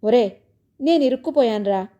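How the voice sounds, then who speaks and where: A woman voicing an exasperated, indignant young man who complains loudly, in a storybook reading. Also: a little high, animated, moderate pace, muffled recording, close to an everyday voice. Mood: fretful.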